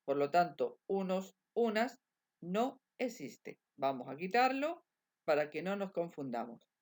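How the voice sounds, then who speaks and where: A woman teaches English grammar, moving between two languages. She speaks very slowly in a somewhat low voice. She says each example again and again. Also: sing-song, a little mellow. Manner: slow, repetitive drilling of examples. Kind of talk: bilingual grammar lesson.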